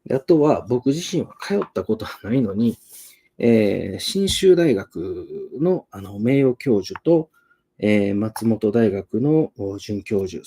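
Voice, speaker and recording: A self-assured man talks casually on a live stream. He is an English pronunciation teacher and rambles along in a chatty way. His voice is low, mellow and a little husky. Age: 40s.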